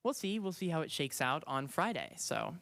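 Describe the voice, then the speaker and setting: A young man, a student trustee, giving a casual, halting report at a school board meeting, with many fillers. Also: fairly high pitch, very animated, creaky, a bit bright, no room sound.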